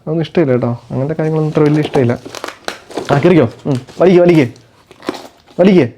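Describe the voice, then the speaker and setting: A man's voice: fairly high pitch, quick pace, mellow, lo-fi sound, slight background noise. A father chatting casually while unboxing parcels, explaining each item and playing with his little daughter. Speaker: father and family vlogger.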